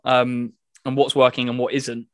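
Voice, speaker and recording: On a gaming podcast, a male co-host reviewing a video game talks casually and lays out his points step by step. His mid-range voice is completely flat, his pace moderate, with no room sound in the recording.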